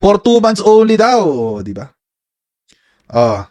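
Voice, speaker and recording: A man with a Filipino accent, chatting casually on a live commentary stream. His voice sits high for a man, and his pitch jumps around a lot. He speaks in an animated, chatty way and keeps turning to his viewers. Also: takes it slowly. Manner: animated, laughing, addresses viewers as "mga kababayan"; reads viewer comments aloud. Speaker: political commentary vlogger.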